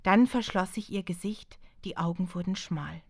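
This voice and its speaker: Calm woman reading a novel aloud. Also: on the low side, normal speed, gravelly, husky, no echo, clean studio sound. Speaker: author reading her novel. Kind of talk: audiobook narration.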